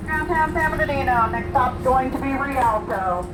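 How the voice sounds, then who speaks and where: High woman's voice on a train loudspeaker. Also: animated, normal speed. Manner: casual, friendly announcing. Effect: train loudspeaker announcement. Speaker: train conductor. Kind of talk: live stop announcements. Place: outdoor train station platform. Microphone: train public address speaker, caught by a distant camera. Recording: echoey loudspeaker from far off with loud train noise. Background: loud rumbling train and station ambience.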